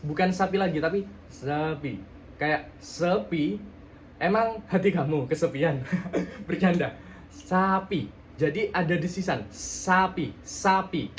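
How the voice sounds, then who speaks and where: Young guy doing a casual articulation lesson, voice a bit high, faint room hiss behind, draws sounds out and cracks jokes. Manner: drawn-out demonstration sounds, joking asides. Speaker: student demonstrating articulation. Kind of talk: casual tutorial.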